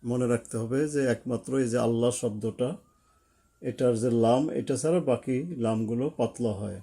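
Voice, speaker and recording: A man's voice: medium pitch, steady tone, moderate pace, dark tone. A man teaching a lesson at a board, explaining each rule step by step and repeating it.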